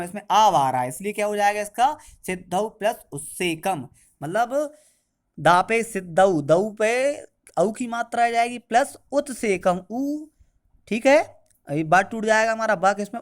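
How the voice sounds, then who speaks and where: A man teaching a school grammar lesson, asking questions and answering them himself and repeating key terms slowly. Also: high voice.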